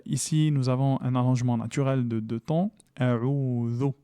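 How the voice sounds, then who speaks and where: A man teaching Quran recitation rules in a lesson, patiently explaining and repeating sounds slowly with emphasis, in a dry close recording. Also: medium pitch, steady tone, dark tone, clean tone, no room sound.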